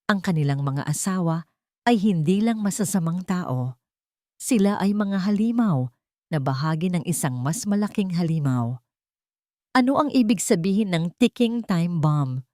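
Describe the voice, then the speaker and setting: A woman with a Filipino accent narrates a scripted dramatic story in a fairly low, slightly mellow voice. The recording is dry and of studio quality.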